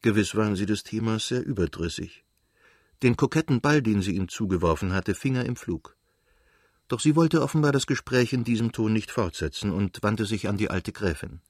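A man reads a classic novel aloud in a measured, literary way. His voice sits low. The recording is close and dry, with no room around it. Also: lively intonation, slightly rough, dry recording. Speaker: audiobook narrator. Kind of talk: scripted narration of a classic novel.

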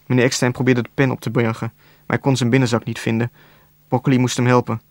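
A man calmly reading a novel aloud as narrator. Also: medium pitch, quick pace, no echo. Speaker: audiobook narrator. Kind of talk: scripted narration.

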